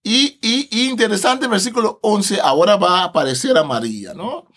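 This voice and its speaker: A man's voice: high-pitched, lively intonation, moderate pace, a bit bright. A man, a Bible translator guest on a podcast, explaining scripture animatedly, laughing often and tagging his phrases with a questioning "no".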